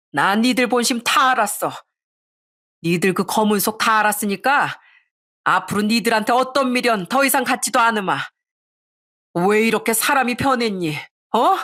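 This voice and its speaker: A woman's voice: a little high, animated, normal speed, long pauses, sharp tone, voice pushed up. A woman reading an angry older mother who scolds her greedy son and daughter-in-law in a raised, indignant voice. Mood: anguished, furious.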